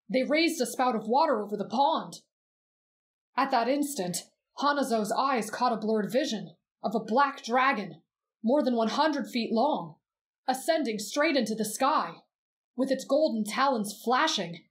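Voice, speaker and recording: For roleplay ASMR, a woman with a fairly high voice plays a gentle teenage boy. She reads in a soft, measured, expressive storybook style.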